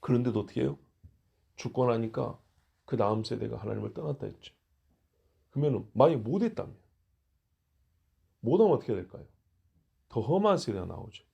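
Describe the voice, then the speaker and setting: A male pastor preaching a dawn sermon in a church. His voice is gravelly and husky at a middle pitch. He talks to the congregation plainly and keeps asking them rhetorical questions. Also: expressive, fairly quick, long pauses, dark tone, muffled recording.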